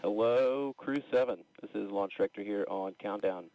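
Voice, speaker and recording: A man as launch director, giving a measured, ceremonial address over a distant radio transmission. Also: lowish voice, mellow, no echo. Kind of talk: formal radio address to a crew.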